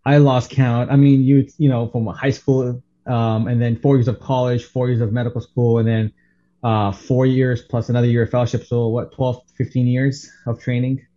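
A man who grew up in Saudi Arabia speaks as a doctor guest on a radio show, his voice mellow and warm. He explains at a measured pace, padding his answers with "you know" and "um". The sound is slightly dull. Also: medium pitch, flat delivery. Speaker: pain management doctor, guest.

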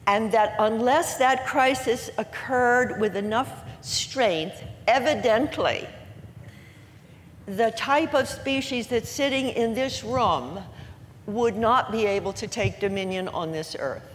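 Addressing a gathered audience, this earnest speaker in her eighties draws out key words for emphasis in an inspirational talk. Her voice has a typical female pitch, and the recording holds a lingering hall echo above a soft background hum.

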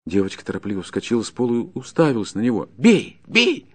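A man narrating a classic literary story as an audiobook, in a calm, measured storytelling voice. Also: lowish voice.

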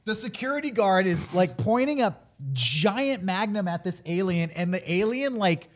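Animated high-voiced man reviewing a movie. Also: moderate pace. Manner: animated, acts out characters in exaggerated voices. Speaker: film review podcast host. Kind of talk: casual comedic movie review chat.

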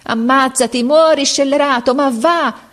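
A woman voicing a desperate male army captain who shouts urgent orders and curses under fire, read as part of a story. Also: high voice, a little slow, voice pushed up. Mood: frantic shouting.

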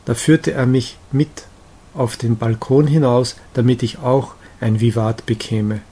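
A man reading a gentle, cheerful young woman's chatty, confiding lines in an audiobook of a romantic novella. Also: medium pitch, fairly even intonation, unhurried, breathy edge. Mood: fond.

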